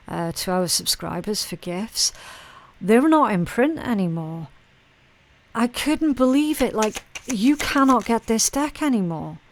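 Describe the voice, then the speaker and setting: A woman hosting an informal mystical horoscope tarot reading, speaking to the viewer in a blunt, colloquial, sweary way with frequent check-in tags. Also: medium pitch. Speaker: tarot reader and channel host.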